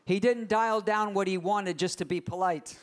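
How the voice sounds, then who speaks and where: A man preaching a sermon in short phrases, pausing after each for his interpreter. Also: high voice, steady tone.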